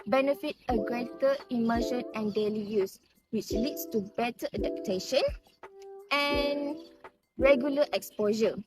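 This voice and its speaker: A young woman with a Malaysian English accent, whose first language is Malay, giving a scripted student presentation and carefully reading out prepared explanations. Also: fairly high pitch. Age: young adult.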